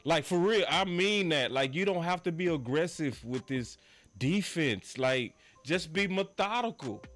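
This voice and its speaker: A man hosting a sports talk show, casual and emphatic, with slangy, animated delivery. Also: fairly high pitch, a little slow.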